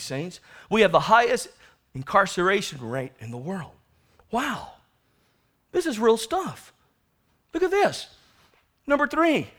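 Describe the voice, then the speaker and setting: In a high-pitched, slightly bright voice, a man with an American accent preaches repentance with fire. His manner is urgent, admonishing and prophetic as he hammers the congregation with rhetorical questions and calls for amens.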